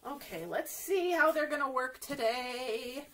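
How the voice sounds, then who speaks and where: A woman with a high, animated, slightly bright voice keeps a measured pace. Working as a children's librarian, she hosts an interactive story time in an encouraging, sing-song way, often addressing questions to the children.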